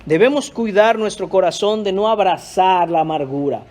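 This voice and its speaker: A man's voice: high voice, expressive, normal speed, a little mellow. A male pastor preaching a sermon, emphatic, often calling out to the congregation. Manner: emphatic, repeatedly addressing the congregation.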